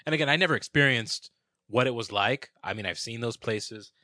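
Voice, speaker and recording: A man's voice: medium pitch, brisk, pushed and bright, no room sound. A man in casual chat, talking earnestly and thoughtfully, explaining his views.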